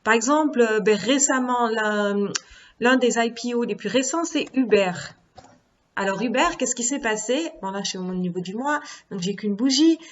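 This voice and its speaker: A woman explaining stock charts in a relaxed, conversational lesson. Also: fairly high pitch, moderate pace, slight background noise. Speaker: trading teacher. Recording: dull lo-fi recording.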